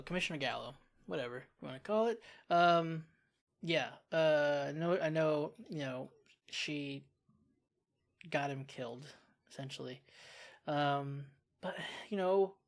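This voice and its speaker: A reaction channel host talking casually about a TV episode, expressive and quick to exclaim and sigh. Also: medium pitch. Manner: expressive, exclaims and sighs often.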